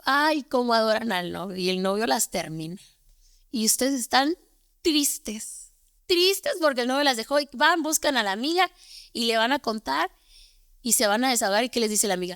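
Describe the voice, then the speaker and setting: A woman's voice: fairly high pitch, fairly bright tone, dry recording, studio quality. A young adult woman, a teacher, telling stories earnestly and often tagging her points with a questioning "¿no?". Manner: earnest, repeats words, tags with "¿no?". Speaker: guest, teacher. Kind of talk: conversational storytelling.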